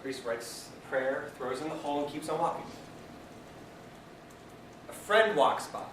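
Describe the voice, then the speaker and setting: A male trainer lectures with energy, asking the group questions as he goes. His voice sits fairly high for a man. The room is very echoey, the mic is far away, and a steady noise runs underneath. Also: a little slow. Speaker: peer education trainer.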